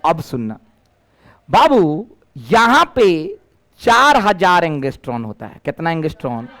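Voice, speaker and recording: A man's voice: fairly high pitch, big pitch swings, measured pace, a bit bright. A man runs a physics class. He keeps throwing questions back at the students, then answers them himself. His talk moves between plain Hindi and Bhojpuri phrases. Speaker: teacher.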